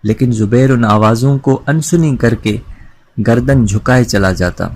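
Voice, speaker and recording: A man narrates a literary short story with measured, dramatic delivery. His pitch is typical for a man, neither high nor low. The reading is steady and carefully paced.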